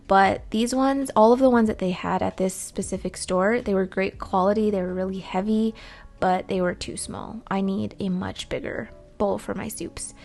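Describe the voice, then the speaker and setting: Woman, casual vlog voice-over, gravelly morning voice, rambling and chatty. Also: medium pitch, a little mellow. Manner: chatty and rambling, with frequent ums. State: morning voice, a bit rough. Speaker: vlogger.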